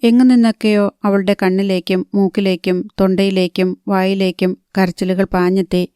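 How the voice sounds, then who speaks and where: A woman narrating a novel in a calm, even storytelling manner. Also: medium pitch, moderate pace, clear, resonant tone, dry recording, clean studio sound. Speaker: audiobook narrator.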